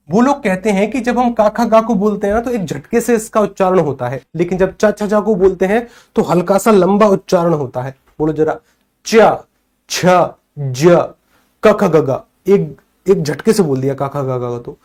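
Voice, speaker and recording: A man's voice: high voice, a little mellow. A man in his thirties teaching a lecture, asking questions and repeating the answers to drill them in. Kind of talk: classroom lecture.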